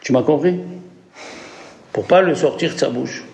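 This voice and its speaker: A man leading a religious lesson as a rabbi. His voice sits fairly high and stays animated as he quizzes the people in front of him. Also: measured pace, creaky, a little hiss or hum. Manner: animated, asks the audience questions. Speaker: rabbi teaching a class.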